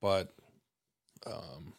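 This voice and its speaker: Low-voiced man from Mexico, rambling. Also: very slow, husky, dry recording, clean studio sound. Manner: relaxed, rambling, many fillers and restarts. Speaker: guest. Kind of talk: casual podcast chat.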